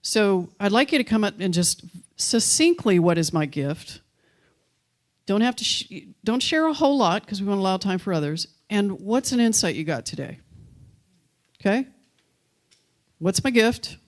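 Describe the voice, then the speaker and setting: Speaking at a moderate pace with lively intonation in a mid-range voice, a woman minister invites her congregation to share during a sharing circle. The setting is a church hall, and her manner is playful and encouraging as she jokes with the group.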